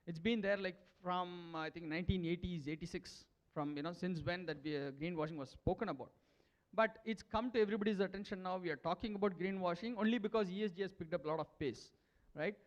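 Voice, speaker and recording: A man's voice: sits high, fast. A man with an Indian accent speaking off the cuff as a panelist, giving advice to an audience, in a muffled event recording.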